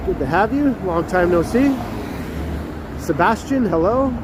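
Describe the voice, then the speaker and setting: A high, expressive voice at a measured pace belongs to a livestream host with a stuffy nose from a cold. He walks a city street at night among traffic and outdoor street noise, chatting casually, laughing often and calling out chat readers by name.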